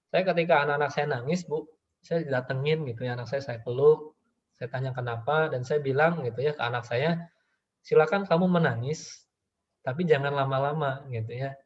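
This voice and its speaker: A man's voice: medium pitch, brisk. A middle-aged man giving a casual parenting talk to mothers, chatty and repetitive, acting out parents and children as he goes. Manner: chatty, repeats "gitu ya", acts out parents and children. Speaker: parenting speaker. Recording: dull lo-fi audio.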